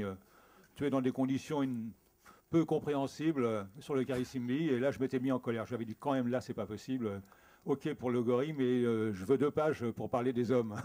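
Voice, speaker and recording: An older man moderating a conference panel in a large auditorium, telling a story in a relaxed, wry way into a table microphone. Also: medium pitch. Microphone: table microphone on gooseneck.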